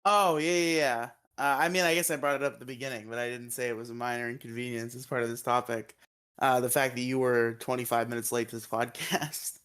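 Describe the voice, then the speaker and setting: A man's voice: medium pitch, flat delivery, brisk, fairly bright tone, smooth. A man co-hosting a podcast in casual chat, sleepy and yawning, rambling with lots of fillers. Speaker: podcast co-host.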